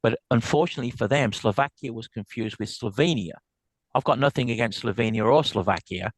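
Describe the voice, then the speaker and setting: Man, South African accent, guest business speaker, quick upbeat delivery, frequent restarts, middle pitch, dry close sound. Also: no echo, rough recording. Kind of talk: business lecture and Q&A.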